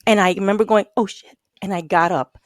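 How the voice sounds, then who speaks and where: A woman's voice: fast, dry recording, clean studio sound. A woman chatting casually on a podcast with her cousin, telling stories animatedly and acting out the quotes. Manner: animated storyteller, acts out quotes in high voices. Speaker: podcast co-host. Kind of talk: casual chat between cousins.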